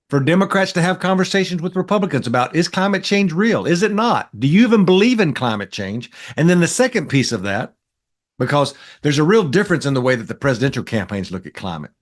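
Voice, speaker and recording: A man's voice: fairly high pitch, big pitch swings, fairly quick. A middle-aged man, talking politics in a blunt, folksy way as a podcast co-host. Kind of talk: casual political chat.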